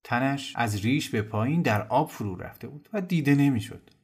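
A man narrating a novel in a calm, measured storytelling voice. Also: mid-range voice, husky.

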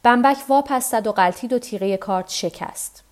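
A woman narrating a novel for a nightly story podcast in a calm, measured reading. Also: a little high. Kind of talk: scripted narration of a translated novel.

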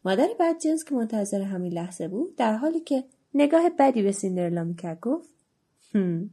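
A woman with a slightly husky voice reads a children's storybook aloud. Her pitch sits a little high and moves a great deal as she tells the tale. She narrates in an expressive, animated way.

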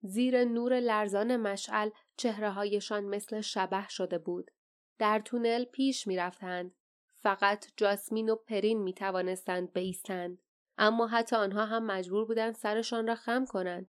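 A woman narrating an audiobook in a steady, dramatic storytelling manner. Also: medium pitch, clean tone. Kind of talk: scripted narration.

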